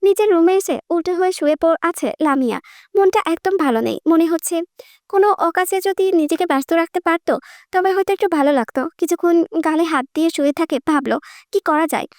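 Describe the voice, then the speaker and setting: Very high-voiced woman narrator. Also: fast talker, no echo, clean studio sound. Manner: lively storytelling. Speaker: audiobook narrator. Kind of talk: scripted narration.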